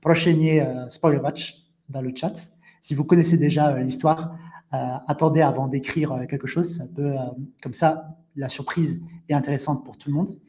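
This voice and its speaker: Mellow-voiced man teaching a live online lesson. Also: fairly high pitch, fairly even intonation. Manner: interactive, addresses viewers in the chat; explains slowly with frequent restatements. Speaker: French teacher hosting a webinar.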